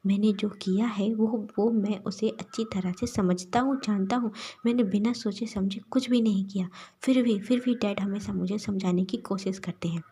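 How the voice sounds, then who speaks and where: A woman voicing a brooding young male doctor who speaks calmly and reassuringly in a storybook reading. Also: mid-range voice, normal speed, few pauses, husky. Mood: frustrated muttering. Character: brooding young doctor husband, firm but gentle.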